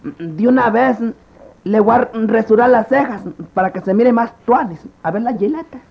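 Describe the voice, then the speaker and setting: A man plays a bungling, cocky country barber with a high, gravelly, pinched voice. He has a Central American accent and blusters his way through slapstick comedy on slightly muffled audio. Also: moderate pace, exaggerated voice. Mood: cocky, busy. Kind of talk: slapstick comedy sketch acting.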